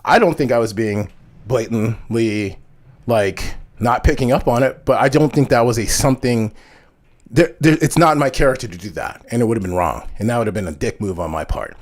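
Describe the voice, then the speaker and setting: A man's voice: medium pitch, a little fast. Frank, cussing man telling stories. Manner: frank, profane, heavy use of "like". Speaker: vlog host. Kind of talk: candid storytelling monologue.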